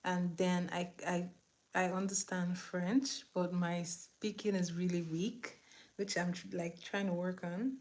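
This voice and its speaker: Her lowish, darkish voice barely moves in pitch and keeps a measured pace as this young woman, a makeup vlogger with a Nigerian accent and Igbo as her first language, chats through a tutorial. Now and then she whispers while applying.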